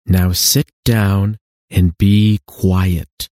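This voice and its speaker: An actor playing a stern father whose voice stays low and soft in his anger, in an audio drama. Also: animated, slow pace, no echo, clean studio sound. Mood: quietly angry. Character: stern quietly angry father.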